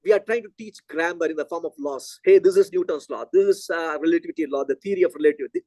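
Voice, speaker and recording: This physics lecture comes from a middle-aged Indian man whose native language is Telugu, speaking in a lively, chatty way while reasoning out loud. He talks fast with a slightly high voice, and the recording has no echo.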